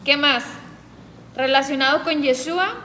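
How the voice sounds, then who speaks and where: A woman's voice: high-pitched, unhurried, bright, forceful tone, in a large hall. A woman leading a group Bible study, explaining patiently and asking the group questions.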